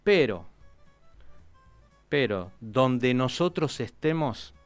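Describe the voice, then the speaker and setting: A historian speaks on a radio interview with a smooth, clear voice at a middle pitch. He tells stories with lively energy and often restarts his sentences. He sounds like a guest explaining history in a studio conversation. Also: drawn-out words, faint music behind. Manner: animated storytelling, many restarts.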